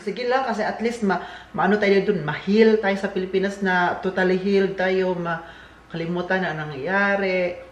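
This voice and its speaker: A man's voice: sits high, steady tone, moderate pace. Chatty Filipino man in an echoey room. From Philippines. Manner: chatty and jokey, rambling asides. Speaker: vlogger. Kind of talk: casual vlog chat. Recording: echoey room, faint background hiss.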